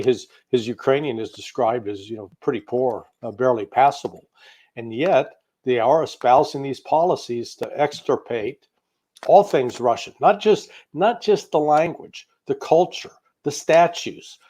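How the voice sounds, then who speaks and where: An American man with a warm, medium-pitched voice appears as a guest commentator in a political interview. He offers spoken political analysis, opinionated and emphatic, stacking his points into lists.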